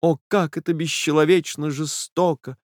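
A man's voice: a little high, fairly even intonation, normal speed, no room sound, studio quality, pitched above the performer's own voice, lightly acted. A man reading an audiobook, voicing a heartbroken young woman who pleads through tears with a breaking voice. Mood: pleading. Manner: tearful, imploring, breaking voice. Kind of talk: audiobook character voice.

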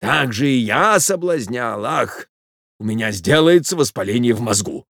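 A man's voice: medium pitch, animated, normal speed, fairly bright tone, no echo, clean studio sound. Reader doing a jealous guy in a panic, whiny, voice jumps all over. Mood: frantic. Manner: panicky, whining. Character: flustered jealous middle-aged man hiding.

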